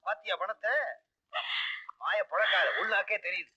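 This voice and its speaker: An actor playing a sly, scheming young husband with a wheedling, evasive way of talking, from an old film soundtrack. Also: male voice, high-pitched, moderate pace, dull audio, loud music behind the voice, lightly acted. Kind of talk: 1980s Tamil film dialogue.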